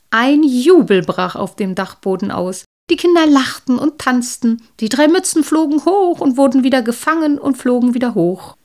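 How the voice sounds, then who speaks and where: A woman reads a children's Christmas story aloud. Her storytelling is lively, and she lifts her voice whenever the children speak. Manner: lively, shifts pitch for children's lines.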